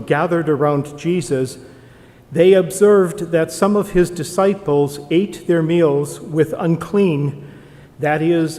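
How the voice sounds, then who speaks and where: A man, a priest, solemnly proclaiming a gospel reading in measured phrases, his voice ringing with long church reverb. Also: a little high, a little mellow. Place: large church. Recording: echoey church hall reverb.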